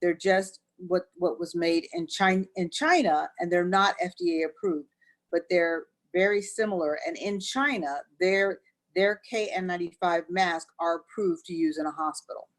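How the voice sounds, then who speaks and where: Female doctor, webinar presenter, lowish voice, walks through instructions step by step. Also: steady tone, normal speed. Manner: explains step by step, often says "actually". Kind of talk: educational webinar talk.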